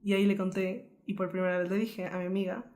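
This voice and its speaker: A young woman from Colombia talks quickly and earnestly as she tells her own painful story. Her delivery flows without pause, lively and candid, like a co-host opening up on a podcast. Her voice sits at an ordinary middle pitch for a woman. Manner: earnest, fast-flowing, lively retelling.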